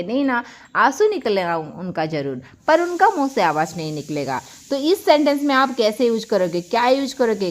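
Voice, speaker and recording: Calling her viewers children, a young woman from India warmly walks through English word pairs in an online grammar class. Her voice sits on the high side.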